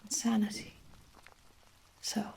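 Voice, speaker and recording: A woman with an Irish accent in a soft whispered role-play, playing a gentle, attentive hair sorcerer with old-fashioned storybook phrasing. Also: slow pace, poor audio. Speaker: ASMR performer.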